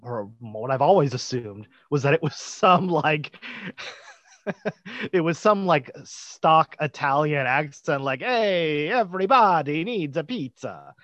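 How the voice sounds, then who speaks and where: A man co-hosting a podcast, chatting in an animated way and acting out little quotes. His voice sits in a middle pitch. The sound is dull, dry and lo-fi. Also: slow pace, no room sound. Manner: animated, laughs, acts out quotes. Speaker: podcast co-host. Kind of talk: casual chat about a TV episode.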